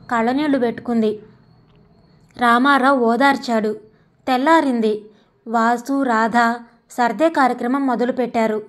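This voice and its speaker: Woman narrator, fairly high voice, steady storytelling read. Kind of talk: story reading.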